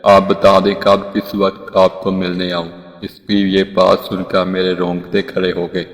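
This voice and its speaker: A man narrates an emotional moral story in the first person, slow and solemn. His voice sits very low and hardly moves in pitch, even through the quoted dialogue. A long reverb trails after his words.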